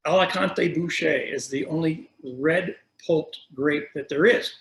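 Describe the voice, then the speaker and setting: A man's voice: fairly high pitch, unhurried, creaky, fairly bright tone. Chatty man in an echoey room. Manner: chatty, storytelling, self-correcting. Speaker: wine shop owner hosting a tasting. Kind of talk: casual explanatory talk. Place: room at a wine shop. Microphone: video call.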